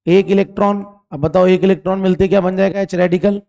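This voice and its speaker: A male chemistry teacher leads an online exam-prep lesson. He speaks in a fairly high, mellow voice. He fires questions at the class, repeats them and sternly scolds students for answering lazily. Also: fairly even intonation, quick pace.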